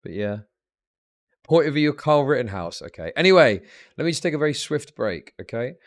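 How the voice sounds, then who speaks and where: A man's voice: medium pitch, big pitch swings, a little fast. A man hosting a livestream, telling rambling, profane stories in casual chat that build into exasperated rants. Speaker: livestream host.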